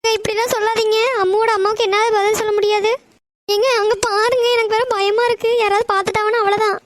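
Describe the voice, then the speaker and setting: A woman voicing an anxious, tearful young woman in an animated love story, talking in a fretful, pleading way. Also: extremely high pitch, fast, dry recording, studio quality. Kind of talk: cartoon voice acting.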